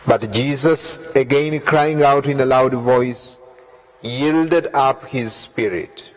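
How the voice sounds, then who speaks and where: Slow, reverent male prayer leader. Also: medium pitch, poor audio. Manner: slow, reverent, measured reading. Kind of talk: devotional reading of the Way of the Cross.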